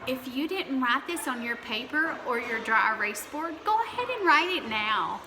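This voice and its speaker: A woman's voice: sits high, animated, moderate pace, background noise. A woman kindergarten teacher teaching young children to count, speaking to them directly and encouragingly. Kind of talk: children's counting lesson, addressing pupils directly. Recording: echoey, reverberant room.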